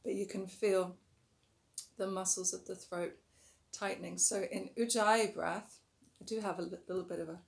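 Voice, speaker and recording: This is a breathing tutorial from a woman with a mid-range, slightly rough voice. She teaches the yoga technique calmly, sometimes drawing out words and speaking more gently as she guides the breath.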